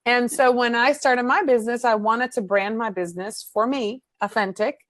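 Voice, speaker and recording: A woman from the Netherlands with a Dutch accent, a marketing coach chatting as a guest on a video interview, animated and full of fillers. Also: fairly high pitch, moderate pace, dry recording. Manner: chatty, animated, fills with "um" and "you know".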